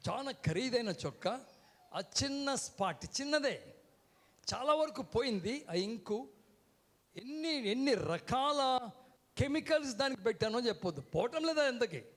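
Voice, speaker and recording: A man preaching a sermon from a church stage, calling out to the congregation and having them repeat words back. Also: high voice. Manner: keeps calling out "hello" to the crowd. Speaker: guest preacher. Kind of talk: sermon with call-and-response.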